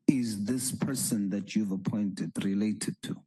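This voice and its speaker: A man grills a witness at a hearing, asking slowly and insisting on answers. His voice is low and husky, with a dark tone. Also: fairly even intonation, poor audio. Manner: slow, pressing, repeats his questions. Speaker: parliamentary committee member. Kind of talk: formal questioning at a hearing.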